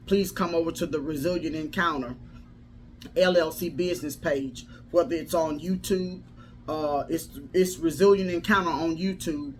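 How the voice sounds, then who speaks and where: A woman's voice: low voice, normal speed. A woman speaks as a life coach hosting a casual livestream, with faint noise in the background. Her delivery is folksy and motivational, leaning toward preaching. She repeats phrases to drive her points home.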